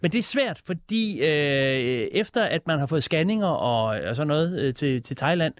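A man's voice: fairly high pitch, expressive, no room sound, studio quality. A man, a radio show guest, telling long rambling anecdotes in casual comedic chat, with many fillers.

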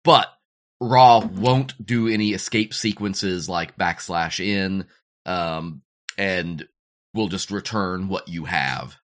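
A man hosting a coding quiz in a casual tech chat, explaining answers with halting restarts. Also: low voice. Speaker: quiz host.

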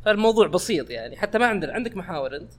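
A man's voice: high-pitched, sing-song, very fast. A man co-hosting a podcast in casual chat, with joking banter. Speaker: podcast co-host.

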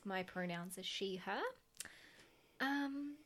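A woman's voice: mid-range voice, animated, slow, fairly bright tone. A woman, co-hosting a podcast in a chatty, self-deprecating way. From Australia. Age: 20s. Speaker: podcast co-host. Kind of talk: casual chat.

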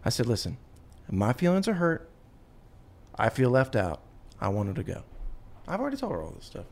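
A man's voice: mid-range voice, huge pitch swings, a little fast, gravelly, darkish tone. A man in his thirties with an American accent hosting a casual chat show, acting out bits of conversation and restarting his sentences. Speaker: talk show host.

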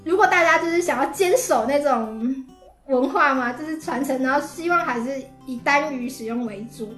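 A woman's voice: high-pitched, normal speed, a bit bright, echoey room, soft background music. A woman with a Taiwanese Mandarin accent explaining things casually as a podcast guest.

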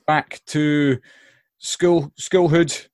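A man hosting a podcast, asking questions in a casual, halting way with repeated words. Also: on the high side, fairly even intonation, darkish tone. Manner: hesitant, repeats words as he starts sentences. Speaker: podcast host. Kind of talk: casual interview.

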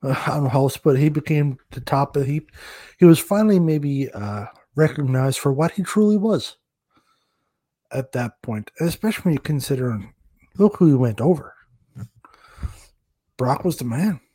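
A man co-hosting a podcast, chatting casually with self-deprecating jokes and halting restarts. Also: on the high side, lively intonation, mellow, breathy edge, no room sound. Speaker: podcast co-host, referee.

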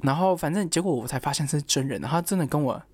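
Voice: medium pitch, rapid-fire, a little mellow, breathy edge, no echo. A young adult student, casually telling a personal story and stringing thoughts together with fillers. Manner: chatty, quotes others, lots of fillers like "然后" and "anyway".

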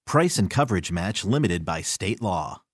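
A man's voice: deep voice, lively intonation, moderate pace, husky, no echo, clean studio sound. A man reading a scripted advertisement as an announcer. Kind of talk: scripted ad read.

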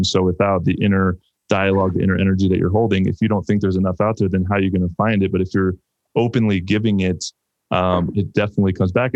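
A man with a very deep, flat voice talks quickly as a podcast host, affirming and reflective. The recording is dry and a bit dull. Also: no echo. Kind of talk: casual chat.

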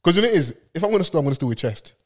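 A man's voice: a little high, sing-song, rapid-fire, a little mellow. A man with an urban London roadman accent, chatting casually and jokily in street slang like a podcast regular. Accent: London, urban street style.

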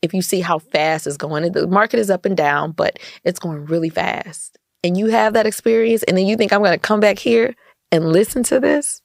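An American woman, an entrepreneur and community activist, guests on a podcast in a casual interview, speaking emphatically and often repeating phrases for stress. Her mid-range voice is creaky and at normal speed, recorded studio-quality with no room sound.

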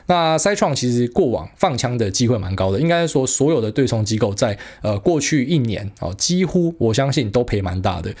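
Fast, slangy Taiwanese man. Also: medium pitch, a little mellow. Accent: Taiwanese Mandarin. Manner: fast, slangy and blunt, with frequent fillers and mild swearing. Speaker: podcast host. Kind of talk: casual solo market commentary.

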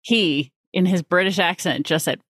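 Effusive woman podcast host, low voice. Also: moderate pace, a bit bright, dry recording, clean studio sound. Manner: effusive and enthusiastic, laughs often. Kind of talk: podcast interview chat.

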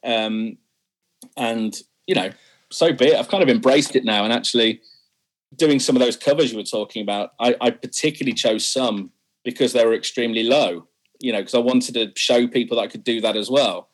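A young man, a singing guest in an interview conversation, talks frankly about his music, laughing a lot and putting himself down. His mid-range voice moves fairly quickly, and the recording is rough.

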